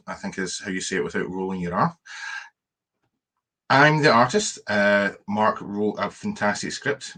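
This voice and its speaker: A man's voice: on the low side, pushed and bright. A man in his thirties with a thick Glasgow accent, chatting casually as a guest artist. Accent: thick Glasgow Scottish. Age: 30s. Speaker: cartoonist and comic book artist, guest. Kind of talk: casual chat.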